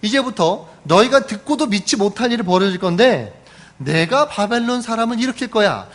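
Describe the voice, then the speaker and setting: A man voicing God as a stern, fatherly male figure who talks bluntly and scolds. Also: high-pitched.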